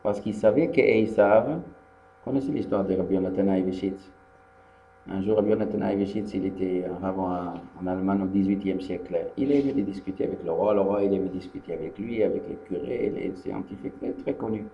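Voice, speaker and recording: A rabbi from Tunisia gives a Torah lesson, telling the story in a lively way, acting out the dialogue and repeating the key phrases. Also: male voice, low-pitched, a little fast, roomy sound. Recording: dull lo-fi archive recording with faint hum.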